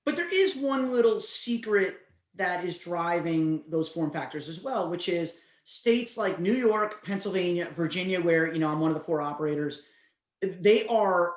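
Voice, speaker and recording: A man's voice: high voice, animated. Brief: joking male investor guest, banter-heavy, roomy echoey sound. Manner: teasing, quick banter. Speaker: cannabis investor. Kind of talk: casual podcast discussion. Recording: echoey room.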